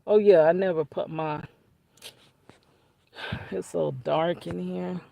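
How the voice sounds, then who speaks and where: A woman's voice: fairly low pitch, fairly even intonation, slow pace, creaky, no room sound, dull audio. A woman chatting animatedly to camera from inside her car, telling a story with lots of asides. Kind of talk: casual storytime.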